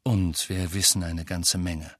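A man voicing a calm, serious grown man who explains things in a low, measured way, in a read-aloud story. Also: dry recording, studio quality.

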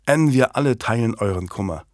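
Composed young prince in a historical audiobook, steady and dutiful; a male narrator plays him. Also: mid-range voice, a little fast, no echo, studio quality, lightly acted. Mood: resolute.

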